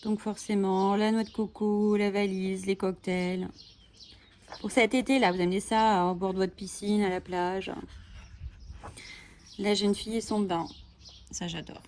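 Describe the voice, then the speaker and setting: A woman's voice: mid-range voice, steady tone, unhurried, long pauses, a little mellow, a little hiss or hum. A woman hosting a coloring channel, flipping through coloring books and chatting enthusiastically, with frequent fillers. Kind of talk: casual book flip-through. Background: bird chirping.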